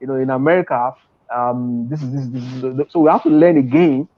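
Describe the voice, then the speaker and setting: Seated in an office chair indoors, a middle-aged man from Nigeria, a trader and mentor, joins a video call interview through an earphone headset. His medium-pitched voice is gravelly, expressive and a little fast, and he talks emphatically, restarting often. The call sound is dull and lo-fi.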